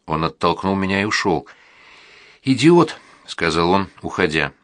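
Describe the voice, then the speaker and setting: A man narrating a first-person audiobook in a plain, even reading manner. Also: deep voice, fairly quick, dry recording, studio quality.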